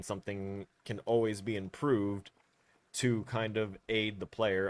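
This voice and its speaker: A man with a lowish voice talks casually on a home livestream. He is blunt and firm and tends to ramble with fillers as he sets ground rules. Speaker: game streamer. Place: home room.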